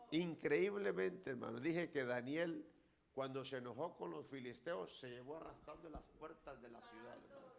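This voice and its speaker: A man, an evangelist preacher telling a personal testimony that builds into loud, impassioned preaching. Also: mid-range voice, vocal fry. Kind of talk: Pentecostal sermon with personal testimony.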